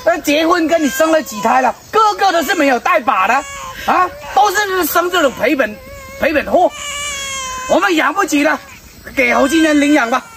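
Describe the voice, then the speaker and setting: A woman's voice: high-pitched, lively intonation, normal speed, distant mic, noisy background. Woman playing a scolding rural husband. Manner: scolding, impatient. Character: harsh rural husband who abandons daughters. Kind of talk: rural skit acting.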